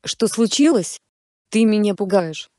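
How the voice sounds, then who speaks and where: A woman voicing a young fiancée who is hurt and fierce, sharp when angry. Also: mid-range voice, expressive, a little slow, no echo, studio quality, close to an everyday voice. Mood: worried. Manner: cold then furious.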